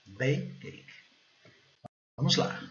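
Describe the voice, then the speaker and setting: A man's voice: very slow, a bit bright, muffled recording. A Brazilian man with a Brazilian Portuguese accent gives an online English pronunciation lesson, explaining step by step and often adding "né?" and "gente".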